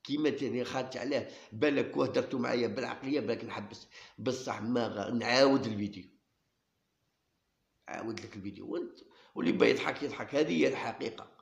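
A man with an Algerian Arabic accent rattles off a defiant monologue to his viewers. His voice is gravelly and quick, and he hammers the same challenges over and over. The sound bounces around an echoey room. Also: mid-range voice, dull audio. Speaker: YouTube channel host. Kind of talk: heated solo monologue to camera.

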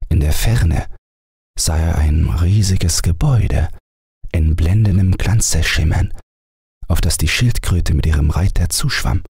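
A man reading a fairy tale aloud as a calm bedtime audiobook narrator. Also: deep voice, husky, no echo, studio quality. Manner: measured storytelling voice.

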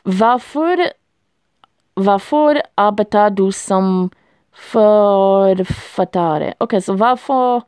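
A woman's voice: medium pitch, extremely slow, darkish tone, smooth, no room sound, studio quality. A woman vlogger chatting casually to herself as she works through a quiz, laughing often. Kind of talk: casual thinking aloud while doing a language quiz.

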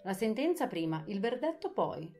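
A woman's voice: mid-range voice, big pitch swings, normal speed, warm tone, soft background music, natural voice. A woman reading an audiobook, voicing a furious, shrieking tyrant queen.

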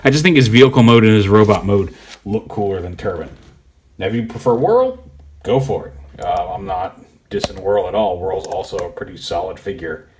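A man giving a relaxed, rambling hands-on toy review, thinking aloud as he poses the figure. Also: fairly low pitch, moderate pace, slight background noise. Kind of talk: casual hands-on product review.

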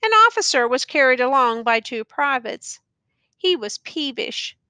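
A woman narrating a classic war novel as an audiobook, reading slowly and deliberately. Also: high-pitched, sing-song, sharp tone, smooth, dry recording.

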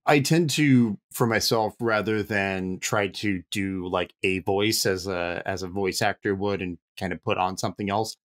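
A man chatting casually as a panel guest, relaxed and quick to laugh. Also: deep voice. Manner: relaxed, laughs often, many fillers. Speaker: panel guest, game master.

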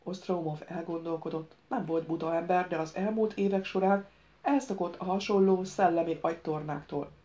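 A woman's voice: on the low side, warm tone. Woman narrating an audiobook, muffled.

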